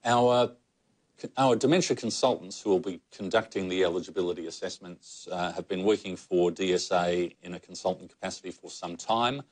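Measured Australian man, very low voice. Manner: measured, explanatory. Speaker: psychogeriatrician panellist. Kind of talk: panel discussion answers.

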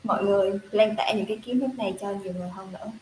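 A woman's voice: medium pitch, fairly even intonation, very fast, a little mellow, reverberant, slight background noise, low-quality recording. A woman on a livestream call, eagerly telling how she found the host. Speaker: volunteer team member. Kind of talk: casual livestream chat.

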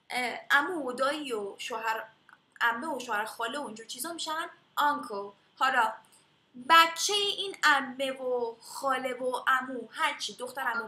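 A woman teaching English vocabulary with a high, bright voice. She explains step by step and has her learners repeat each word after her. Her voice rings in an echoey room. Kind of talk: English lesson in Persian.

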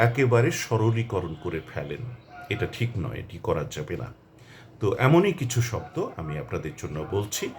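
A man giving a pronunciation lesson, speaking in a measured way and stressing each syllable of the example words. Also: on the low side, a little mellow, slight background noise. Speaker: pronunciation teacher. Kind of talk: instructional talk to camera.

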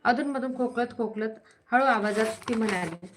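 A woman's voice: on the high side, normal speed, noisy background. A woman narrating a devotional vow story aloud, reading steadily with small slips and self-corrections.

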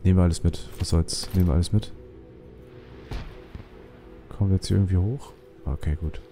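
A young let's player provides commentary on a survival game, whispering as he sneaks and yelping when startled. His warm, low voice stays steady and fairly quick, with faint music behind it.

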